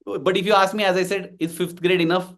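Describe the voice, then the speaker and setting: Indian english guy giving a devotional talk, higher voice, tells stories and acts out the lines. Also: flat delivery, brisk, a bit bright. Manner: storytelling, emphatic, acting out dialogue. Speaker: invited speaker at a devotional gathering.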